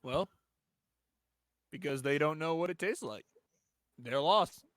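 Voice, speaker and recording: A man playing a tabletop game, describing his character's actions in a deadpan way. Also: a little high, takes it slowly, no room sound, clean studio sound. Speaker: player. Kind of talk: tabletop role-play chat.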